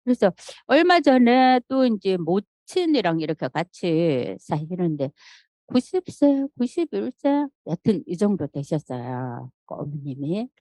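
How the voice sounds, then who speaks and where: A woman's voice: on the low side, sing-song, unhurried, warm tone, dry recording. A middle-aged woman giving a motivational business talk to an audience, telling stories, acting out quoted lines and asking frequent rhetorical questions. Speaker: seminar speaker.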